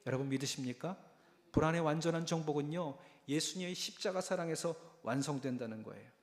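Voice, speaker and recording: Emphatic pastor in an echoing church. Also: male voice, fairly high pitch, fairly quick. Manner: emphatic, addressing the congregation directly. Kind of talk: sermon. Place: church sanctuary. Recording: echoey church hall reverb.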